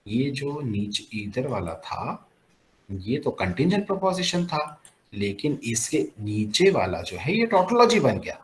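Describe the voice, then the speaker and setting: A man's voice: fairly high pitch, low-quality recording. A man teaching logic in a classroom-style lecture, asking questions and answering them himself. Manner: lively, asks questions and answers them himself, mixes in English phrases. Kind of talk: classroom lecture on a recorded screen.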